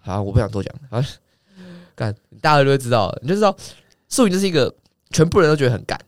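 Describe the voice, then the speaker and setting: A man's voice: mid-range voice, no room sound, studio quality. A young man, telling a story in a casual chat, swearing freely as he talks. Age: young adult. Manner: rapid, swearing, animated anecdote telling. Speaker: guest.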